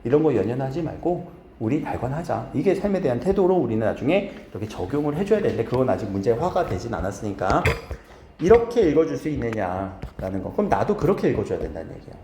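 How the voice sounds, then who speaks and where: A male literature teacher lectures a small class with a swinging, animated pitch and a mellow, darker tone. He keeps putting questions to his students. The sound is roomy, with the echo of a classroom and a faint hum behind. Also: fast talker. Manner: lively, questions students often.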